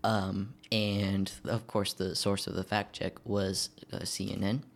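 A man's voice: deep voice, flat delivery, measured pace, gravelly. A man hosting a casual podcast discussion, talking hesitantly with many fillers. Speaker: podcast host.

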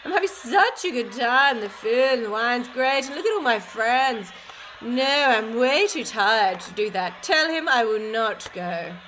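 A woman's voice: fairly high pitch, animated, unhurried, fairly bright tone, slight background noise, poor audio. A woman voicing a proud, lazy queen who brushes off a request in a storybook reading. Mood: dismissive. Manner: haughty, breezy refusal.

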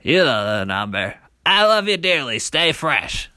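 A man's voice: fairly high pitch, very animated, unhurried, noisy background. A man leaving a chummy, boisterous voicemail for a friend, rambling through a long list. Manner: boisterous, chummy, lists names at length. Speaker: caller.

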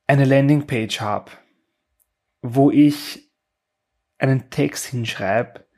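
Husky-voiced man hosting a solo podcast. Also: mid-range voice, darkish tone. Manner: explains step by step with rhetorical questions; casual, often restarts sentences. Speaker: podcast host.

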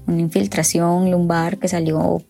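A Costa Rican woman in her thirties recounts her own story, frank and emotional, with a wry edge. Her voice is mellow and dark, with a gravelly fry, and faint music plays behind her. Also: lowish voice, flat delivery, moderate pace. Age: 30s. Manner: candid, emotional, with wry laughs. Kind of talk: personal testimony storytelling.

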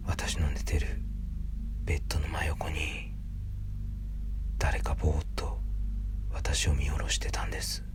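Low, hushed whispering man telling ghost stories. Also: completely flat delivery, a little slow, long pauses. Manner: soft, breathy whispering, conversational delivery. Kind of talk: hushed whispered creepy ghost story reading. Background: background music.

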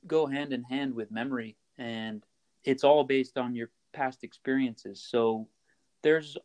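A man's voice: medium pitch, steady tone, measured pace, a little mellow. Man explaining his work casually. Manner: explains steps plainly, frequent fillers and restarts. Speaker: coffee roaster, guest. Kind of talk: casual interview chat.

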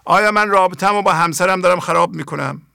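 An older man gives a spiritual teaching talk, earnest and full of direct questions to his listeners. His voice sits a little high and has a gravelly edge. The recording is close and dry. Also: pushed and bright, no echo. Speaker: spiritual teacher and program host.

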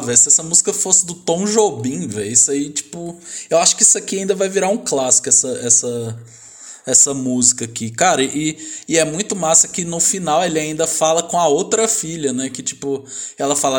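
A man co-hosting a casual album-review chat, rambling and enthusiastic with lots of slang fillers. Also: fairly high pitch. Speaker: podcast co-host reviewing an album.

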